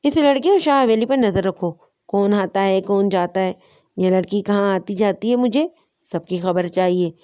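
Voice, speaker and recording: A woman's voice: mid-range voice, dark tone, highs cut off, lightly acted. A woman reading as a domineering feudal father. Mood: commanding. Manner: commanding, menacing.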